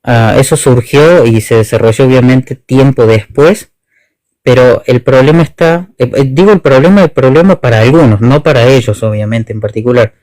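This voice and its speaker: A man's voice: medium pitch, moderate pace, darkish tone, dry recording, rough recording. Hesitant man explaining on a call. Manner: hesitant, many restarts and rephrasings. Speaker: guest Hebrew teacher. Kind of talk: online debate explanation. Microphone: online video call.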